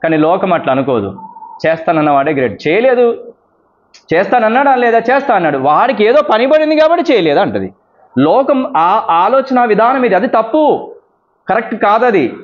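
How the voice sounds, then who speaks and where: A man's voice: high-pitched, very animated, moderate pace, pauses often, dull audio. A male pastor preaching a sermon, reading scripture lists aloud and explaining them with everyday examples and questions to the congregation.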